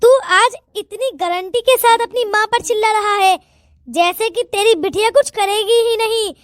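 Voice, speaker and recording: A woman voicing a sharp-tongued, suspicious old grandmother in a cartoon, talking in a scolding, taunting way. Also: extremely high pitch, moderate pace, no room sound, clean studio sound.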